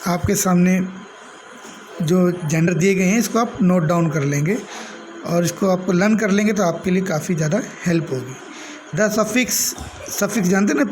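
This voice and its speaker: A man with an Indian English accent teaching an English grammar lesson in Hindi, reading word pairs out in slow lists. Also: sits high, darkish tone, slight background noise, low-quality recording.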